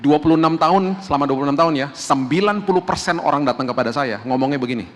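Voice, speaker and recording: A man's voice: a little high, rapid-fire. Male pastor preaching in an echoing hall. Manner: casual, conversational preaching that acts out congregants' voices. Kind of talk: sermon. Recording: long hall reverb, faint background noise.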